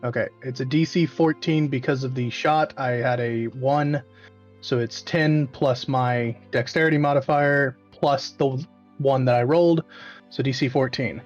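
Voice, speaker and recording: A man's voice: mid-range voice, fairly even intonation, a little slow, dull audio, soft background music. A man playing a tabletop game over a call, joking and swearing casually while explaining his rolls. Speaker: player.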